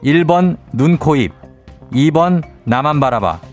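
A man's voice: fairly high pitch, animated, a little slow, soft background music. A man hosting a radio call-in quiz segment, bantering playfully with a caller and reading out questions.

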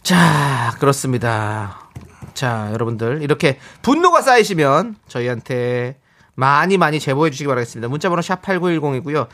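A middle-aged man hosting a radio show, reading listener messages aloud in a calm, steady way. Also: on the high side, fast. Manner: calm and steady, with short back-channel replies. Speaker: radio host.

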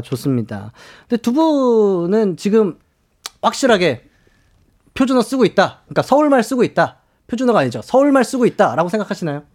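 A man's voice: high-pitched, darkish tone. A man hosting a radio show, chatting casually, laughing often and reading out listener messages.

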